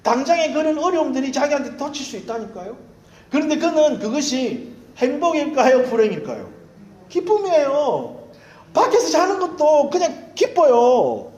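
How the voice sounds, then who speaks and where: A man preaching, his fairly high voice leaping up and down as he spins candid, self-mocking stories from the pulpit. The sound rings around an echoey church hall. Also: moderate pace. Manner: animated storytelling with candid, self-mocking anecdotes. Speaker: pastor. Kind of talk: sermon.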